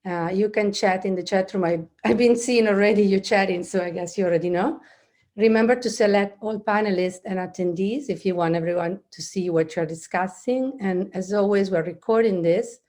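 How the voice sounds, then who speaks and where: A woman's voice: medium pitch, normal speed, a little mellow. A middle-aged woman hosting a webinar on a webcam video call. She speaks in a friendly way, with hesitant fillers and small restarts. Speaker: webinar host.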